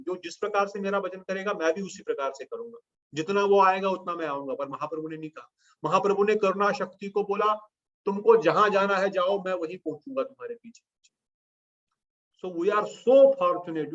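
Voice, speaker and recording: A man giving a devotional sermon, telling stories in an animated way and slipping English phrases into his talk. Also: on the high side. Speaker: preacher. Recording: dull lo-fi recording.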